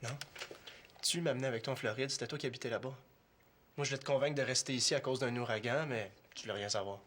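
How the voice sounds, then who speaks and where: A man's voice: medium pitch, fast talker, a bit bright, natural voice. An actor with a Quebec French accent playing an awkward, chatty young man who stumbles and restarts as he talks. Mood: dreamy. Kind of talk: TV series acting.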